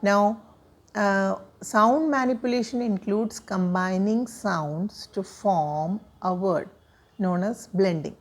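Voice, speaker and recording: A woman, giving a measured lecture on teaching reading, explaining step by step with frequent fillers. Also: mid-range voice. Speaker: teacher trainer.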